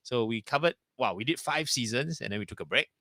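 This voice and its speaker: A man's voice: medium pitch, expressive, fairly quick, sharp tone, dry recording, studio quality. A Singaporean man co-hosting a casual live stream, talking in colloquial Singlish with particles at the ends of sentences. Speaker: co-host of a horror live stream.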